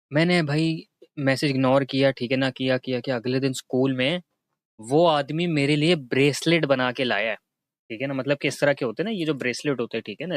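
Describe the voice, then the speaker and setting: A man's voice: medium pitch, no echo. Chatty young man from Karachi. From Karachi, Pakistan. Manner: chatty, tags lines with a repeated check-in filler. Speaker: vlogger. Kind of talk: casual storytelling to camera.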